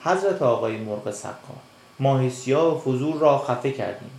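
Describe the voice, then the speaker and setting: A man's voice: mid-range voice, gravelly, a little mellow, a little hiss or hum, lightly acted. A man voicing a group of frightened, cowardly little fish who plead and fawn, in a storybook reading. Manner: pleading, fawning. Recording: echoey room.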